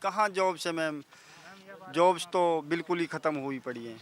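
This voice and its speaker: Articulate villager man, fairly high. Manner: articulate, measured complaint. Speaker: villager interviewee. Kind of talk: interview answers. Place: outdoors in a village.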